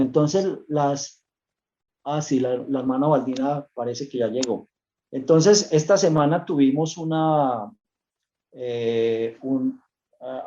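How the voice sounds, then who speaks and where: A Bible study teacher giving an unscripted lesson to a congregation, talking in a halting way with frequent hesitations and restarts. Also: mid-range voice, dark tone. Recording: dull lo-fi recording.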